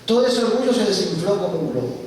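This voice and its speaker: A man giving a church testimony, telling his story with animated, acted-out dialogue. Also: high voice, quick pace. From Spain. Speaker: guest speaker giving testimony. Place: large church hall. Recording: echoey church hall from far off, faint hiss.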